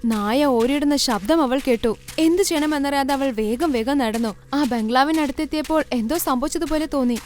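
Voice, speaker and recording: A woman narrating a children's cartoon story in a steady, clear storytelling voice. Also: high-pitched, moderate pace, hardly any pauses.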